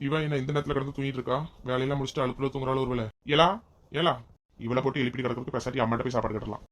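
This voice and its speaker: A woman's voice: a bass voice, fairly even intonation, very fast, pitched below the performer's own voice. A woman voicing a grumbling, impatient young husband in a comedy family skit. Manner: complaining, whiny pleading.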